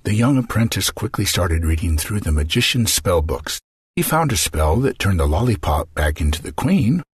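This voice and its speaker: A man reading a children's story aloud in a lively, expressive way, with a husky voice. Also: deep voice, normal speed, dry recording, clean studio sound.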